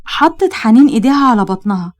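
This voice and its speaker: A woman with an Egyptian accent narrating a romantic story in a brisk, plain storytelling manner. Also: on the high side, expressive.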